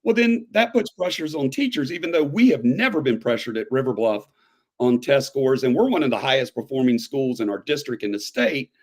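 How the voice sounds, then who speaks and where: A man in his fifties, a high school history teacher, speaking as an interview guest in an animated, emphatic way that builds to pointed questions. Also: brisk. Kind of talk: conversational interview.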